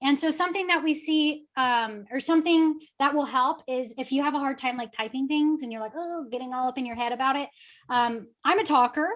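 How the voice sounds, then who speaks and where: Woman, young adult, high voice, chatty, upbeat, webinar coach. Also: brisk. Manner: chatty, upbeat, filler-heavy. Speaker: guest social media coach. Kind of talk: casual webinar advice.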